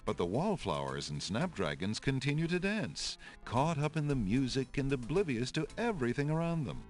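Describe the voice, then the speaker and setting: An actor playing a wry, dramatic storybook-style narrator in a fantasy adventure game. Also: male voice, medium pitch, big pitch swings, normal speed, close to an everyday voice. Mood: wry, theatrical. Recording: game audio with music underneath. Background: game music.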